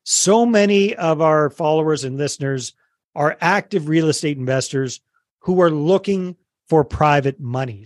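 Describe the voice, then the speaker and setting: A man's voice: a little high, dry recording. Canadian man hosting, dry close sound. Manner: relaxed, jokey, finishes guest's sentences. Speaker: podcast host. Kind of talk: interview hosting. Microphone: remote call.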